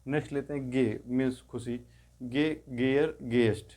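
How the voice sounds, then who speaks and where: Male tutor, patient and steady, mid-pitched voice, repeats each form slowly, explains in Hindi, says English forms aloud. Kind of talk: step-by-step grammar lesson.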